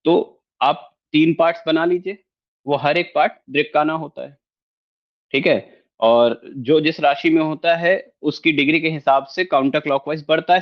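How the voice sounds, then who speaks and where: A man teaches an online lesson, walking through each point patiently and pausing often with check-ins. His voice sits a little high for a man. The audio is slightly dull and lo-fi. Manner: explanatory, mixes Hindi with English, frequent check-ins. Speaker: astrology teacher. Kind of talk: online lesson with screen share.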